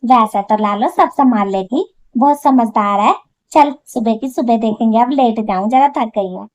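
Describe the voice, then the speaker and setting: A woman's voice: on the high side, normal speed, natural voice. A woman voicing a scheming old witch who plays a mother-in-law in a cartoon, speaking in a wheedling, conspiratorial way. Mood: grumbling. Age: older. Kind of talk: cartoon voice acting.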